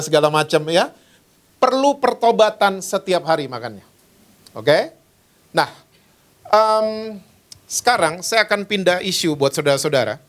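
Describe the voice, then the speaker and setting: A male pastor in his fifties preaching a sermon in church, telling a personal story and acting out the voices in it. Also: a little high. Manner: storytelling, animated, acts out voices in quotes.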